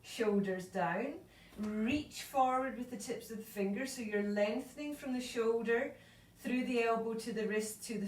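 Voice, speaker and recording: High-voiced woman cueing yoga, echoey. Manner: calm, slow cueing of breath and movement. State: a little out of breath. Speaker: yoga instructor. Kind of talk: live online yoga class instruction. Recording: echoey room, voice from far off.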